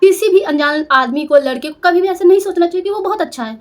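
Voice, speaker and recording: High-voiced young woman telling her story. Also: fast. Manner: emotional, confessional, self-reproaching. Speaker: storyteller vlogger. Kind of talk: personal storytelling.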